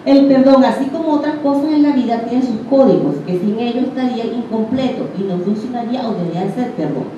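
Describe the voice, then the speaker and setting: A woman's voice: on the high side, expressive, brisk, dark tone, slight background noise. A woman with a Venezuelan accent teaching a group in a conversational way, often putting questions to her listeners. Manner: conversational, questions the audience directly. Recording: echoey room, distant dull mic.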